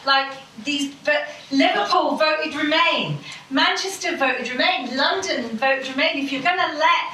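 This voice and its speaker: A woman's voice sits high and sharp as she talks a little slowly during a fervent, meandering panel speech peppered with swearing. She's recorded from far away in a conference hall, so the sound echoes and has a little hiss or hum.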